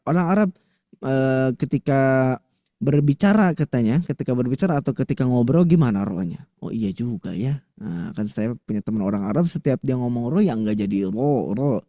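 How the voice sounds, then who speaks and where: A man teaching Quran recitation to women in a lively, chatty way, slowly demonstrating letter sounds. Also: mid-range voice, no room sound, clean studio sound. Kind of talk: tajwid lesson to women listeners.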